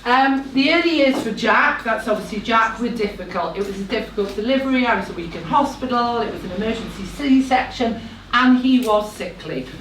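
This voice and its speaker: A woman's voice: fairly high pitch, a little fast, a bit bright, a little hiss or hum. A woman in her thirties telling a personal story to a live audience, chatty and a little nervous, with self-deprecating asides. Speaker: speaker at a live talk event. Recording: echoey room, voice heard from a distance.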